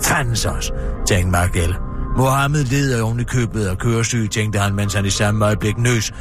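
Man, deadpan story reader, lowish voice, music bed behind, radio show. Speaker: radio host reading a comic story. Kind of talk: deadpan comic story reading.

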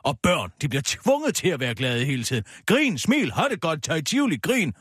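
A man's voice: on the high side, sing-song, a bit bright, husky, no room sound, studio quality, full character voice. A man playing a grumpy, pessimistic middle-aged woman who rants scornfully and swears a lot in a radio comedy sketch. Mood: ranting. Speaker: comic radio character.

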